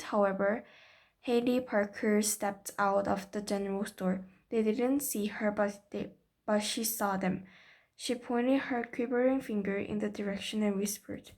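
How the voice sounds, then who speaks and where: A woman's voice: fairly high pitch, a little mellow. A woman, a native Korean speaker, reading a novel aloud in English carefully, correcting her slips. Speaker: reader.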